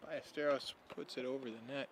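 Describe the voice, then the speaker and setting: Relaxed male co-commentator at courtside. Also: mid-range voice, brisk. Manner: relaxed, banters and asks his partner questions. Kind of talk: casual play-by-play commentary. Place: outdoors beside school tennis courts. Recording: clear outdoor background noise.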